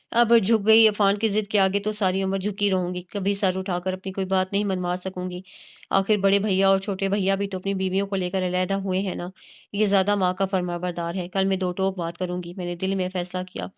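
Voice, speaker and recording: Woman, audiobook narrator, scripted novel reading, smooth voice, level delivery. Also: mid-range voice.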